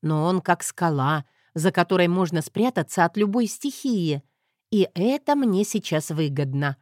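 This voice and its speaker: A woman reading a first-person audiobook in a steady, wry storytelling manner. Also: fairly low pitch, a little slow, no room sound, clean studio sound. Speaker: audiobook narrator.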